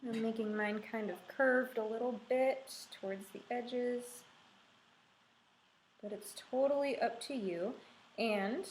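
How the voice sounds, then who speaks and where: A woman in her thirties teaches a craft in a calm, reassuring way, at a slow, unhurried pace. Her voice sits at a middle pitch. The room is echoey, with faint noise behind her. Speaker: art instructor leading a craft and meditation tutorial. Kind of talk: instructional talk while demonstrating a craft. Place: small room indoors with a window.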